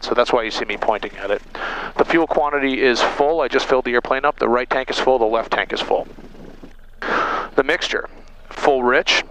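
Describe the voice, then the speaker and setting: A man with a medium-pitched voice gives a flight lesson from a small airplane cockpit. He works methodically through checklists and explains each step, with clear engine noise around him. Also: a bit bright, poor audio. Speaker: pilot instructor.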